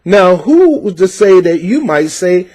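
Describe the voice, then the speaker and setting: An American man reads a news article aloud and reacts with opinionated political commentary, passionate, preachy, and full of fillers. His voice is high-pitched, a little mellow, very animated, and unhurried.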